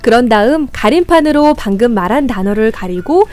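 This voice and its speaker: Brief: upbeat, slightly high-voiced woman narrator for a student tutorial, faint music underneath. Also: animated, fairly quick, darkish tone. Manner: friendly, encouraging, addresses viewers as students. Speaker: lesson guide. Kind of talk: scripted instructional narration.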